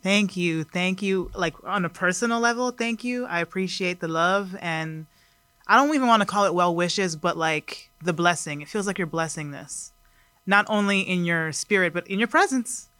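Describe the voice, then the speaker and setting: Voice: mid-range voice, moderate pace, bright, forceful tone, smooth, dry recording. Dry, rambling podcast host with faint music. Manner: rambling, many fillers and restarts. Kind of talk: casual interview chat.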